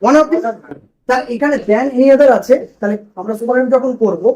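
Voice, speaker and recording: A man's voice: very high-pitched, fairly quick, a little mellow, poor audio. A man teaching a grammar lesson to a class in a classroom, asking questions and repeating the students' answers.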